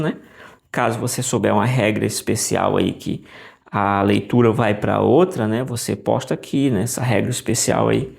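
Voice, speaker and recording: A man teaching a casual Bible lesson, thinking aloud with restarts, often adding "né?" and sounding out Greek words slowly. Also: medium pitch, creaky, darkish tone. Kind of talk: casual lesson walking through Greek text on screen.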